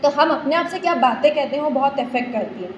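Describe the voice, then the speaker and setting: A woman's voice: high-pitched, animated, fast talker, lo-fi sound. A woman life coach giving a talk on mental health to a group, explaining with everyday analogies and often checking whether listeners understand. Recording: echoey room, faint background noise.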